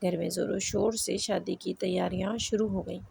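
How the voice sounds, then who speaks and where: A woman narrating an emotional first-person story in an even, measured way. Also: on the low side, creaky, a little hiss or hum.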